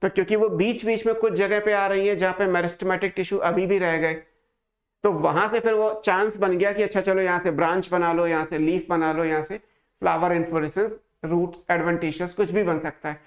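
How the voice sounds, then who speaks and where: A man's voice: high voice, fairly even intonation, a little fast, muffled recording. A male teacher giving an online class lecture, explaining step by step, asking questions and answering them himself, mixing English phrases into his speech. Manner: mixes English phrases into Hindi.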